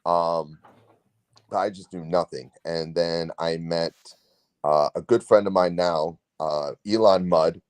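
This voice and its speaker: A man's voice: low voice, steady tone, slow, darkish tone, dry recording. A man in his forties, a guest on a podcast, telling his story in a rambling way, acting out what he said and often laughing. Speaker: guest comic writer. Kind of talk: casual podcast chat.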